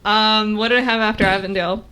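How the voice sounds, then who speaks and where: A young woman co-hosting a podcast in relaxed, casual chat. She rambles cheerfully through her stories, laughing often and leaning on "like". Her voice sits at a medium pitch. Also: quick pace, clear, resonant tone. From Canada. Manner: chatty, laughing, lots of "like". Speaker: podcast co-host.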